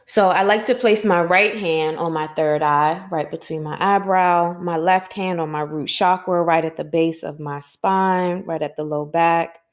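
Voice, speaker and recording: A woman with a lower voice, talking very slowly and calmly as she guides a breathing exercise. She hosts a Reiki podcast and often checks in with "right?", and her delivery turns more animated when she is encouraging listeners. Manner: slow, calm guiding voice, often tags sentences with "right?". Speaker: podcast host and Reiki teacher.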